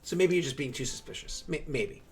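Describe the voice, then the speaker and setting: A man's voice: a little high, fairly quick. A man working as game master, improvising tabletop game narration in a chatty, rambling way with conversational asides.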